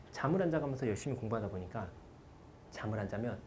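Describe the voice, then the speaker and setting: A man in his forties lectures students on how to study, his pitch leaping around as he tells stories and quizzes the room. His tone is mellow and soft-edged. A faint ambient hum sits under his voice. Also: a little fast. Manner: animated storytelling, quotes people, asks the audience questions. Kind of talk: lively motivational lecture to students.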